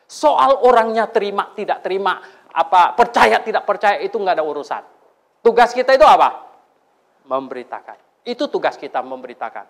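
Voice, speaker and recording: A man preaching a Sunday sermon to a congregation, telling stories and questioning his listeners in an animated way. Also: a little high. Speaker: pastor. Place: church before a congregation.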